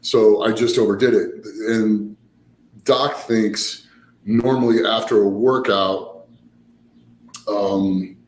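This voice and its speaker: A man's voice: lowish voice, steady tone, takes it slowly, long pauses, darkish tone. A man chatting casually about his own experiences in a rambling, explanatory way. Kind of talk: casual conversational storytelling. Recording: roomy echo, background noise.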